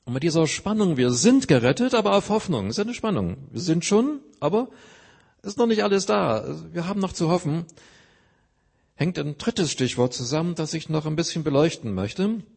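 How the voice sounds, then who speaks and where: A man's voice: on the high side, very animated, moderate pace, vocal fry, darkish tone, slightly rough. A man preaching a sermon, earnestly explaining scripture with everyday examples.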